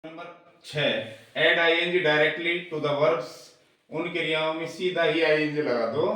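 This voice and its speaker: Guy teaching english rules in hindi, talks real slow, heavy echo, mic kinda far off. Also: medium pitch, fairly bright tone. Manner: spells out letters and sounds slowly, repeating rules in both languages. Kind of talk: slow explanatory lesson, mixing Hindi and English. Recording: very echoey room, voice far from the mic.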